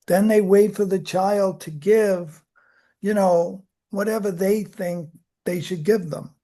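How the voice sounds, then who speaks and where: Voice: mid-range voice, steady tone, takes it slowly, mellow. A psychology lecturer explaining child development to a class in a conversational, self-correcting way, acting out examples. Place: lecture room.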